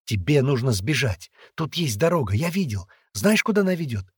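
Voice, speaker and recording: A man's voice: mid-range voice, sing-song, brisk, slightly rough, dry recording, studio quality, pitched above the performer's own voice. A man reading aloud and voicing a hot-headed, loyal young boy held captive, who blurts and hisses in agitation. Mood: agitated.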